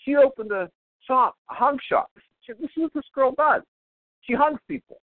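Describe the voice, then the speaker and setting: A man's voice: extremely high pitch, normal speed, dry recording. Middle-aged male self-help author, wired caffeinated delivery, rambling and eager, dry lo-fi radio sound. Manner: rambling, repeats and restarts phrases. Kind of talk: casual motivational talk.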